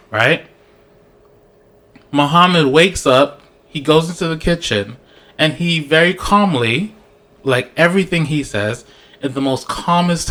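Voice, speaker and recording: A man giving casual, joking commentary on a reality show, animated and laughing often. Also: fairly high pitch. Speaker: vlogger.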